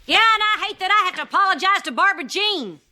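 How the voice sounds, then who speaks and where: Stern, high-voiced sitcom mother. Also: expressive, fast. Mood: dry, irritated. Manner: firm, dry, scolding. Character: stern, sarcastic mother laying down the law. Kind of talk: sitcom acting. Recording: noisy sitcom soundtrack.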